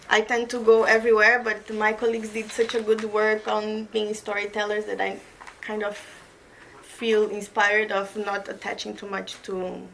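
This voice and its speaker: A woman's voice: medium pitch, bright, forceful tone, low-quality recording. A woman from Brazil speaks at a community panel and shapes her points as she goes. She fills her gaps with "um" and "uh" and often restarts mid-sentence. A faint hum of room noise sits behind her voice. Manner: hesitant, frequent fillers and restarts. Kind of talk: informal academic talk. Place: community centre hall.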